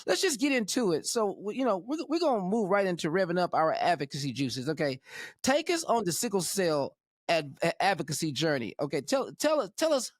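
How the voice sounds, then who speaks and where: Animated talk show host, lively voice. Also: male voice, high-pitched, fairly quick, no echo, studio quality. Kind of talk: casual interview chat.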